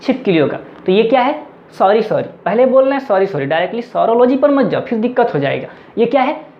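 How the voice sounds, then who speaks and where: A man's voice: extremely high pitch, big pitch swings, fast talker. Bihari man drilling quiz answers in an echoey room. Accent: Bihari Hindi. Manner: drills points with repeated question-and-answer. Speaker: competitive exam tutor. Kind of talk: classroom-style lecture. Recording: echoey, slightly dull recording.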